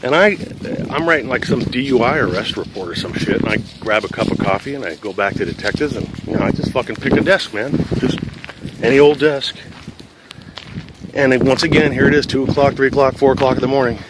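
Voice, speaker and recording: Profane, rambling former cop telling a story. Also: male voice, mid-range voice, a little fast, very noisy. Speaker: former police officer. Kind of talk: casual storytelling.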